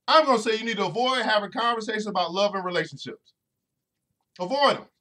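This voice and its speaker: Preaching directly to listeners of his motivational podcast, a male financial educator repeats phrases over and over to drive them home. He talks fast, and his high voice sounds pushed and bright.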